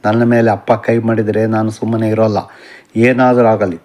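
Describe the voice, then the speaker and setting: Man reading as an angry young male student, bitter, confrontational, low flat voice, audiobook. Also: moderate pace, natural voice. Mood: defiant. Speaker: son.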